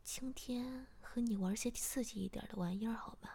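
A woman's voice: a little high, normal speed, creaky, warm tone, slightly rough. A woman voicing a teasing, domineering man in whispered role-play, with a bossy manner.

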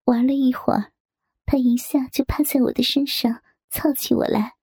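A young woman reading a story aloud in hushed, intimate whispered narration. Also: sits high, steady tone, normal speed, no room sound, clean studio sound. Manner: hushed, intimate, breathy delivery.

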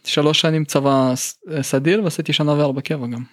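A man's voice: a little high, steady tone, no room sound, clean studio sound. A man from Russia with a Russian accent, talking candidly and colloquially in a casual interview as a musician guest. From St Petersburg, Russia.

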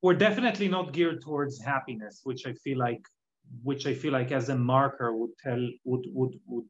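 Heard over muffled, lo-fi audio, a man from Israel talks in a mid-range voice at a moderate pace. He has an Israeli accent and muses casually, explaining things through examples.

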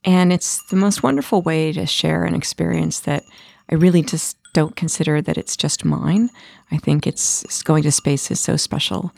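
A woman's voice: deep voice, normal speed, gravelly, a little mellow, no room sound. A middle-aged woman from Massachusetts, a retired astronaut, telling her story in an enthusiastic, casual way.

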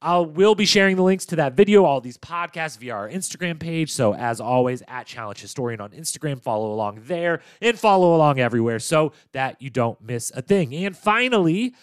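A man's voice: on the high side, dry recording, studio quality. A man hosting a casual podcast, with a nasal voice made stuffier by a cold, chatting playfully into a microphone in a small room. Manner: chatty, self-promoting, playful asides. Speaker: podcast host. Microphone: studio microphone.

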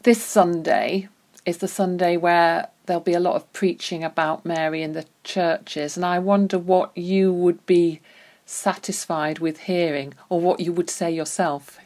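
A woman's voice: fairly low pitch, fairly even intonation, a little slow, a little mellow. A woman interviewer asking probing questions in a conversational way.

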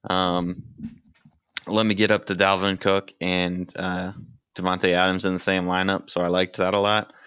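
A man with a deep, clear voice co-hosts a sports podcast. His delivery is casual, dry and laid-back. The recording is close, with almost no room sound. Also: flat delivery, normal speed, fairly bright tone, no echo. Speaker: podcast co-host. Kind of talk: casual fantasy sports chat.

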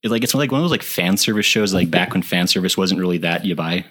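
A man co-hosting a podcast, chatting casually and enthusiastically, laughing often and filling pauses with "like" and "uh". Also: low voice, lively intonation, a bit bright, slightly rough. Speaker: podcast co-host. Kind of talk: casual chat.

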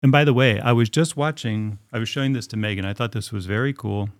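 A man's voice: on the low side, quick pace, no room sound, studio quality. A man hosting a podcast, upbeat and enthusiastic while chatting with guests. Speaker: podcast host. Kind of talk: casual interview chat.

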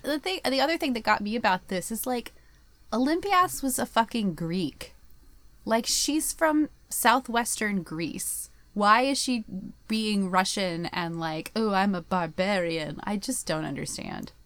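A woman hosting a podcast, blunt and enthusiastic, her pitch swinging widely as she talks. The recording is close and dry, with no room sound. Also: expressive, measured pace, fairly bright tone, no room sound. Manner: enthusiastic, blunt, laughs often. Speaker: podcast host, classicist. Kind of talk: casual chat.

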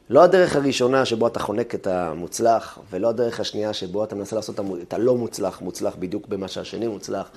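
A man giving a talk on the weekly Torah portion, telling family stories and acting out their quotes. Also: medium pitch. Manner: animated storytelling with acted-out quotes. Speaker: religious teacher.

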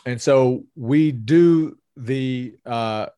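A man's voice: medium pitch, very slow, clear, resonant tone, no echo, highs cut off. Earnest man telling a personal story. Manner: earnest storytelling, with frequent repeated words. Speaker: guest, sales executive. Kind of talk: personal story in a podcast interview.

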